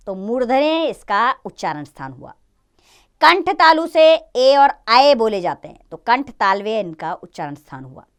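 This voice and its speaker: Lively woman teaching grammar to kids. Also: on the high side. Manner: explains step by step, asking and answering her own questions. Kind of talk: grammar lesson for children.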